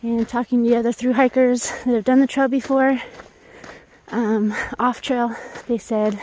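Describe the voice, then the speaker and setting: A woman's voice: a little high, level tone, normal speed, a little hiss or hum, rough recording. A young woman talking casually to her camera while hiking a trail outdoors, chatty and laughing often. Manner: chatty, laughs often, hushed on quiet peaks. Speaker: thru-hiker vlogger. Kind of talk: casual vlog narration.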